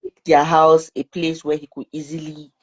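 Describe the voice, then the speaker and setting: Woman, low husky voice, a little muffled, animated storyteller as an interview guest. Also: normal speed. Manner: animated, acts out her son's screams in a high voice.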